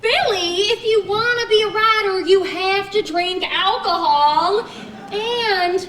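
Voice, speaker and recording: A woman's voice: extremely high pitch, takes it slowly, a bit bright, full character voice. A young woman on stage playing a wry, flippant magazine staffer who teases about drinking, heard in a roomy theatre. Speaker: actor. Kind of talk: stage acting. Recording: roomy stage from far off, faint clicks.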